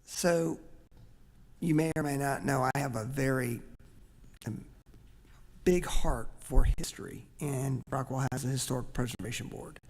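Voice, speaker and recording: A man's voice: mid-range voice, a little slow, long pauses, a little mellow. A man on a charter commission, earnestly explaining his reasoning at length in a public meeting discussion. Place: large council chamber. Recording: echoey meeting room.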